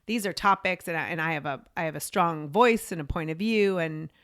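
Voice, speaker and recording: In her forties, a podcast and media coach tells her story in a casual interview, chatty and full of "you know" and "like." Her deep voice moves briskly and has a fairly bright tone. The recording is dry, with clean studio sound.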